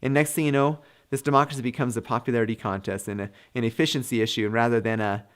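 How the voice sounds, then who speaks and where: A man's voice: medium pitch, fairly even intonation, quick pace, smooth. A man giving an emphatic classroom-style lecture, often checking in with "okay?". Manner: emphatic, punctuates points with "okay?". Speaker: civics lecturer.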